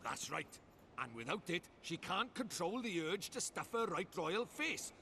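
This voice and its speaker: A man's voice: sits high, big pitch swings, a little slow, gravelly, sharp tone, slight background noise, heavily acted. A man voicing a chatty little fairy sidekick in a video game, folksy and knowing. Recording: game audio with faint ambience.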